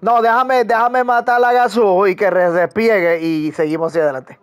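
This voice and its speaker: A man chatting casually while playing an online game with a friend, teasing him and breaking into excited shouts. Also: sits high, normal speed, clear, resonant tone, dry recording, soft background music. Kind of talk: casual gaming chat.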